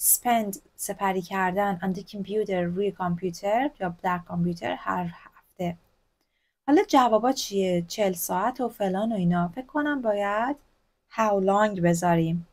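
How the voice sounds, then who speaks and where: A woman with a Persian accent teaching a textbook lesson, reading English examples slowly and explaining them in a chatty way. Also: mid-range voice. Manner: chatty, corrects herself openly.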